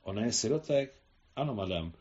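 A man's voice: lowish voice, lively intonation, a little mellow, muffled recording, close to an everyday voice. Man reading as a courteous old admiral. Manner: polite, reserved. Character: courteous older Russian admiral, godfather.

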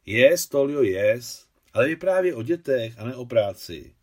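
A man's voice: medium pitch, lively intonation, close to an everyday voice. A man voicing a fussy, good-natured older aunt in an audiobook, homely and a little fearful.

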